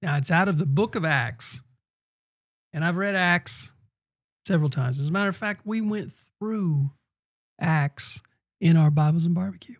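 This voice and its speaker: A man's voice: fairly high pitch, normal speed, long pauses, dry recording, studio quality. A man who is a pastor, co-hosting a casual podcast and telling a family story with an easy, laughing manner; his voice sounds a little off today. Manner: relaxed, storytelling, laughs easily. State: voice a bit off today.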